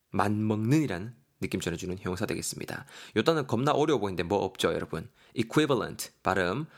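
A man hosting a podcast vocabulary lesson, explaining words and spelling them out letter by letter. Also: fairly low pitch. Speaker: English vocabulary teacher, podcast host.

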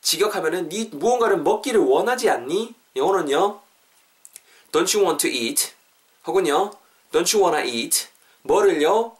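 Guy running a casual english lesson, kinda high voice, lively and chatty, goes super slow on the phrases, bit far from the mic. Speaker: English teacher and podcast host.

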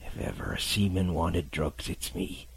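A man voicing a gruff, dying old sea captain who murmurs slowly in rough sailor's speech, his voice weak and faint. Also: sits low, a little hiss or hum. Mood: confiding. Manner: slow, murmuring, at times whispered.

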